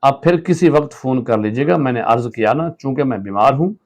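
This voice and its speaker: A man's voice: medium pitch, animated, a little fast, a little mellow, close to an everyday voice. A man reading a play aloud and voicing a sick, irritable husband who groans and snaps at everyone.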